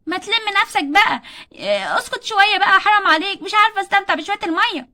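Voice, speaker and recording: A woman's voice: extremely high pitch, lively intonation, a bit bright. A woman with an Egyptian Arabic accent voicing a bossy, stubborn young doll mother in a toy role-play story. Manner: scolding, quick-tempered.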